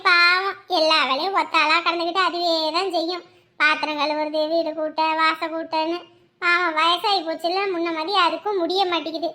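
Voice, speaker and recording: Woman as shrill, chatty neighbour, cartoon. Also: level tone, normal speed, bright, forceful tone. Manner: gossipy, sympathetic rambling.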